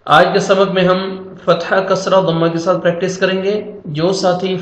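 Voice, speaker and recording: A man teaching Quran recitation, spelling out letters and vowels and chanting verses slowly between quick explanations. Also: high voice, level tone, a bit bright. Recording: echoey, dull lo-fi room sound.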